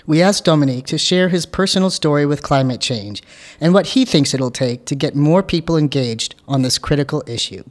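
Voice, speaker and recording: A man co-hosting a podcast, calmly reading a scripted recap and asking the guest questions. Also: fairly high pitch, moderate pace. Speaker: podcast co-host. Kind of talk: scripted intro and interview questions.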